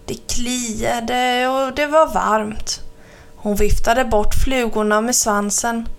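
Woman, storyteller, children's book read-aloud, calm, clear, higher pitch.

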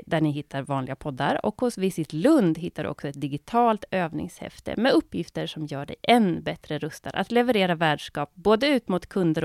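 Low, gravelly-voiced woman podcast host. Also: dry recording, studio quality. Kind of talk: scripted podcast introduction and interview.

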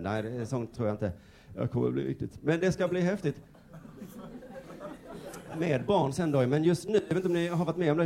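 Before a loud crowd in a live club, a young Swedish man performs stand-up on a comedy stage. His voice sits on the high side over a noisy background, and his delivery is relaxed and chatty, often breaking into laughter mid-line.

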